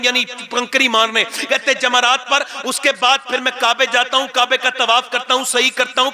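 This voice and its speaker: A man's voice: extremely high pitch, sharp tone. A male preacher giving a sermon, telling a story in an emotional, dramatic way.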